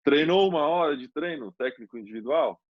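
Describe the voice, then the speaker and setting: A man, a podcast guest and basketball player, calmly explaining things in casual chat. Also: a little high, brisk, no room sound. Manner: calm, explanatory. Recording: dull, dry lo-fi sound.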